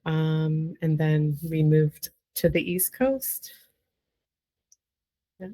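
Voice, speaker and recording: A woman from Colorado on a casual online panel, soft-spoken and hesitant. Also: low-pitched, flat delivery, very slow, dry recording. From Colorado, United States.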